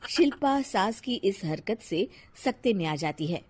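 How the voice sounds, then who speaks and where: A woman narrating an animated cartoon story in a lively, expressive way. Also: mid-range voice, unhurried, slightly rough.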